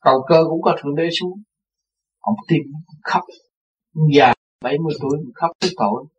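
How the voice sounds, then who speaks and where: An older man, a religious teacher, telling a personal story in an interview, animated and laughing as he acts out other people's words. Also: fairly high pitch, fairly quick, breathy edge. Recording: dull lo-fi recording.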